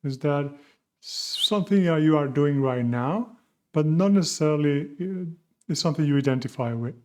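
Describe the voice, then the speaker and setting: Speaking at normal speed with lively intonation, the Spanish teacher has a fairly high yet darkish-toned voice. He patiently guides beginners, asking and answering his own questions in a mix of English and Spanish.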